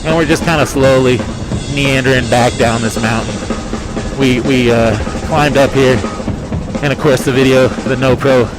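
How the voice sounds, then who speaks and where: A man's voice: medium pitch, fairly even intonation, measured pace, loud music behind the voice, low-quality recording. A man rambling casually in an easygoing live vlog, recorded on a pocketed phone as he rides outdoors in a helmet. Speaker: motorcycle vlogger. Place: outdoors, riding a motorcycle on forest roads. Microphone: phone in pocket while riding in a helmet.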